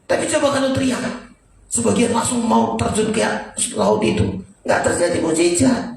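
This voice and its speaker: A man preaching a sermon as pastor, with sudden loud high bursts. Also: very animated, moderate pace, vocal fry, recorded from a distance, slight background noise. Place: church. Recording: echoey church hall from afar.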